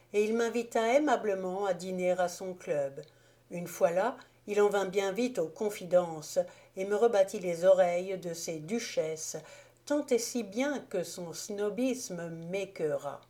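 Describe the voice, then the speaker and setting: A woman narrating an audiobook novel in a measured, even storytelling manner. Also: lowish voice. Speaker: audiobook reader. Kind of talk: scripted narration.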